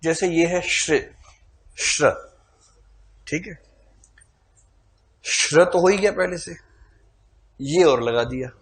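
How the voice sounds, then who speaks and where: A man's voice: fairly high pitch, lively intonation, takes it slowly, pauses often. A man teaching a classroom lecture, quizzing his students, calling for shows of hands and teasing them playfully.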